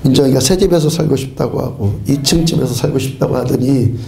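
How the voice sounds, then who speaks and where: A man's voice: mid-range voice, a little fast, vocal fry, warm tone. A male pastor delivering an emphatic sermon, urging his congregation with firm commands and often breaking into a laugh as he preaches. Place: church sanctuary. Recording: echoey church sanctuary.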